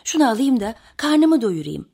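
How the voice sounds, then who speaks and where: A woman voicing a hungry, pushy little rabbit in a high, whiny voice. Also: sing-song, moderate pace, creaky, dark tone, breathy edge, full character voice. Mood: pleading.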